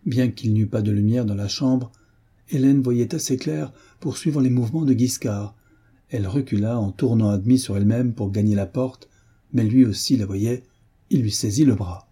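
Husky dark-voiced man reading a novel. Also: mid-range voice, moderate pace. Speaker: audiobook narrator. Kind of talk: scripted narration of a novel.

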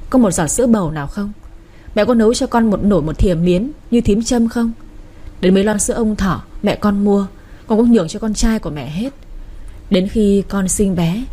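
A woman's voice: medium pitch, normal speed, warm tone, lightly acted. A woman voicing a wronged young wife who speaks reproachfully and pleads. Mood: bitter reproach.

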